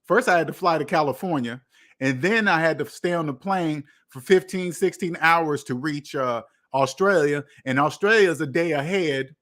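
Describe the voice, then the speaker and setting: A little high and a bit bright, his voice runs at normal speed as the US host of a relaxed livestream. He answers comments from viewers in a meandering way, repeating phrases to emphasize them.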